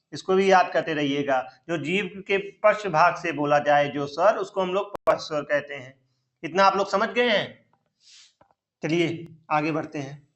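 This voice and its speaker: A man's voice: high voice, a bit bright. A man teaching an online Hindi grammar lesson for teaching exams, repeating each term and asking the viewer questions as he goes. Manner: repeats terms and quizzes the listener with questions. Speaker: Hindi teacher for exam preparation. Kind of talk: online exam-prep lesson.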